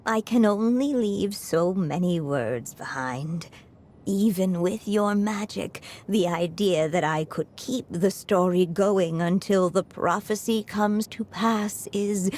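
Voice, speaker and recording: A woman with a medium-pitched voice plays a gentle, wise mother who is a writer and a storyteller in video game voice acting. Her delivery is tender, soft, and unhurried, often drifting into a half-whisper.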